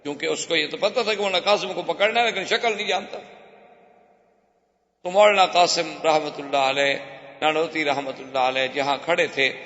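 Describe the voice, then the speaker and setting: A male religious preacher delivers an animated storytelling sermon, his pitch shifting and his emphasis strong. The sound is dull and lo-fi, recorded in an echoey hall.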